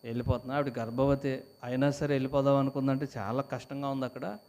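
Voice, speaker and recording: A man's voice: mid-range voice, level tone, brisk, darkish tone. A man with a Telugu accent, a pastor preaching an emphatic sermon and calling on the congregation to answer.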